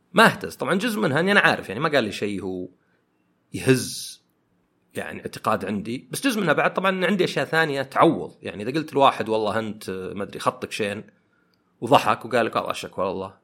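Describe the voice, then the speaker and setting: A man hosting a podcast, talking through ideas in a thoughtful way and often pausing to search for words. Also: medium pitch, fairly bright tone. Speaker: podcast host. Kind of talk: reflective podcast monologue.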